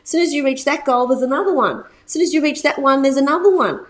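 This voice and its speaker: Talking fast and casually to camera, this fifty-something business coach has a slightly high voice. Repeated words give her points emphasis, and she laughs readily in between.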